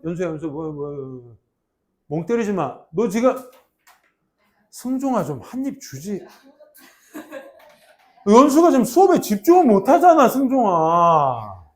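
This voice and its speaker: A man teaching an English class to high school students, mixing grammar explanations with jokes and teasing. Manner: animated, jokey, teasing students between grammar points. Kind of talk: classroom lecture with banter.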